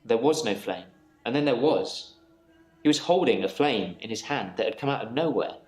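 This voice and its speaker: An actor in a live-action mystery game playing a troubled male patient who calmly recounts reliving the same day. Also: medium pitch, normal speed, natural voice. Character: troubled male patient haunted by repeating days. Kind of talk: scripted game dialogue. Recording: roomy with game music.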